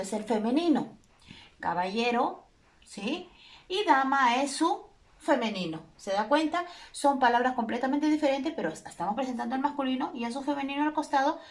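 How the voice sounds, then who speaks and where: A woman's voice: a little high, distant mic. A woman teacher giving a recorded grammar lesson, patiently checking in with her students through frequent tag questions. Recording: echoey room, speaker away from mic.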